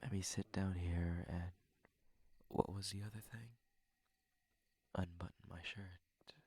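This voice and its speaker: A man gives a heavily acted, low-pitched performance as a courteous, shy, flustered young prince in intimate ASMR roleplay, sounding hesitant and nervous. He speaks slowly with fairly even intonation, gentle and formal, often in a breathy whisper, with no echo.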